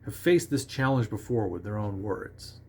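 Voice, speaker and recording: A man giving a relaxed, conversational songwriting lesson, talking with restarts and sometimes singing short nonsense syllables as examples. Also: fairly low pitch, normal speed, creaky, breathy edge. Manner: self-assured about his own lyric writing. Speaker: songwriting teacher. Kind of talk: casual instructional talk.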